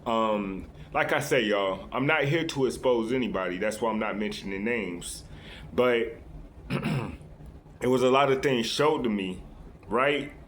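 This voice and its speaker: A man's voice: medium pitch, unhurried, fairly bright tone, slight background noise. A man talking straight to his viewers in a loose, unscripted monologue, earnest and confiding, often restarting and tagging "right?" onto his sentences. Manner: rambling, many restarts and "right?" tags. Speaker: vlogger addressing his viewers.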